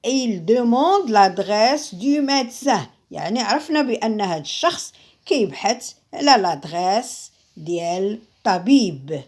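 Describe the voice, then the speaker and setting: A woman teaching a grammar lesson, repeating each example slowly and explaining it again in Arabic. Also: mid-range voice, animated, darkish tone. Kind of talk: slow classroom grammar lesson.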